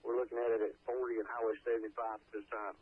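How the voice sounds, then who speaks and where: A man's voice: mid-range voice, flat delivery, very fast, breathy edge. A man, an emergency responder, speaking over a police radio transmission in clipped radio-call phrasing. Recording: tinny radio with static.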